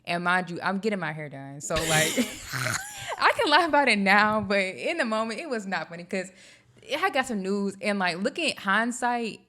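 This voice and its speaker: A woman's voice: medium pitch, very animated, moderate pace, sharp tone. A young woman, co-hosting a podcast in casual chat, storytelling animatedly and laughing often. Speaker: podcast co-host.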